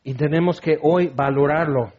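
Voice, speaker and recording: A man preaching a sermon, animated, acting out biblical voices and sometimes shouting. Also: fairly high pitch, moderate pace. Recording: dull lo-fi sound.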